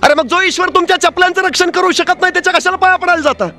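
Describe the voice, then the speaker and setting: A man giving a motivational speech, telling a story with rhetorical questions and dramatic swings between loud and soft. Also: very high-pitched, fairly even intonation, very fast. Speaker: motivational speaker.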